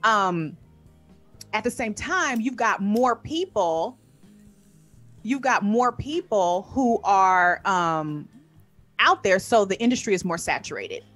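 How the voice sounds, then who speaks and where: A woman's voice: mid-range voice, lively intonation, slow pace, a bit bright, soft background music. A woman speaking as a podcast guest in casual interview chat, upbeat and emphatic, often repeating her key points. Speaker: podcast guest, music performer.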